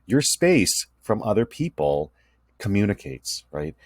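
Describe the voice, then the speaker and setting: A man with a lowish, sing-song voice speaks at a measured pace in a recording with no room sound. He's a communication instructor giving a recorded slide lecture in a conversational way, using fillers and often checking in with "right?".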